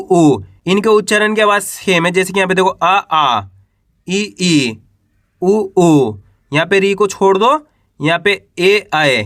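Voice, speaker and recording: A man with a high, bright voice teaches the alphabet to beginners. He keeps asking what each letter is, then answers it lower and slower and gives example words. The sound is close and dry, with no room echo. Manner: patient, repetitive drilling with questions to viewers. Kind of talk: classroom-style lesson, repeating letters and examples.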